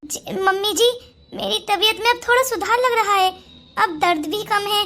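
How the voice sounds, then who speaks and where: Someone doing a soft pleading young cartoon mom, very high and bright. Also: normal speed, a little hiss or hum, exaggerated voice. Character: gentle young mother, recovering and pleading.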